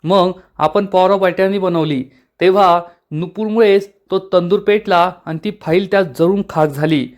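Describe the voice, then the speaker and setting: एक पुरुष कटकारस्थानी, सूडबुद्धीच्या खलनायिकेच्या ओळी वाचतो. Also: male voice, high voice, fairly even intonation, measured pace, few pauses, a little mellow. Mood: scheming. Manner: spiteful, impatient, raging. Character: scheming vengeful young woman villain.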